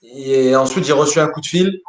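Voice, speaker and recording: A man, a sports coach, answering interview questions in a lively way, often repeating words as he thinks. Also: a little high, normal speed. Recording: roomy echo.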